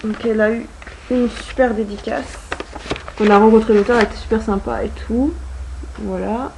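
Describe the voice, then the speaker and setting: A young woman chats casually as a vlogger, stopping often on fillers and hesitations. Her voice sits a little on the high side. A faint hiss runs under the recording. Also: fairly even intonation, normal speed, a little mellow, rough recording. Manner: chatty, full of hesitations and fillers. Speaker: book vlogger. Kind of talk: casual chat.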